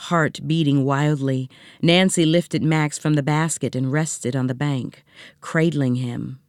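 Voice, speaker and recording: A woman narrating a children's story in a recording studio, reading gently and expressively. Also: sits low, unhurried, smooth, no room sound. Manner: gentle, expressive read-aloud with voiced characters.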